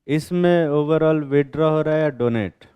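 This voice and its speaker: A man teaching chemistry to a class, quizzing students and teasing them in blunt, rough slang. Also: on the high side, measured pace, no room sound, muffled recording. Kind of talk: classroom lecture with questioning.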